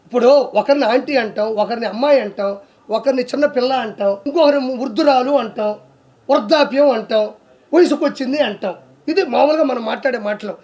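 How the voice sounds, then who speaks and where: A man speaks in a strikingly high voice. He rants at a political target, scornful and accusing, firing one rhetorical question after another. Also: a little fast, darkish tone. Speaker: political commentator. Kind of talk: heated political rant to camera.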